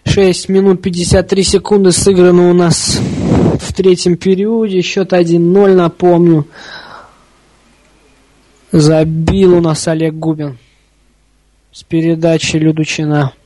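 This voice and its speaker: A man's voice: sits high, level tone, unhurried, long pauses, warm tone, dry recording, rough recording. A man giving informal live hockey play-by-play as an openly partisan, chatty fan of one side. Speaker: hockey commentator.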